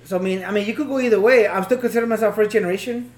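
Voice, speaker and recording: A man's voice: high-pitched, rapid-fire. An easygoing man chats on a podcast, laughing as he talks things through. The recording sounds roomy and echoey. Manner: easygoing, laughing, explains at length. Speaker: podcast co-host. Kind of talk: casual chat.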